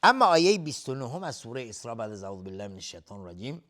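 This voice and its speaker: A man teaching a recitation lesson, who recites verse phrases slowly and explains the rules between them in quick, quieter speech. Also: medium pitch, big pitch swings. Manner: clears throat now and then. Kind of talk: tajweed lesson, alternating slow chanted recitation with quick spoken explanation.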